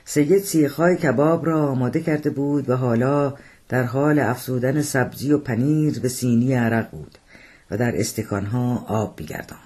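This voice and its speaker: Husky male author reading his own novel, measured audiobook narration. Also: medium pitch, darkish tone.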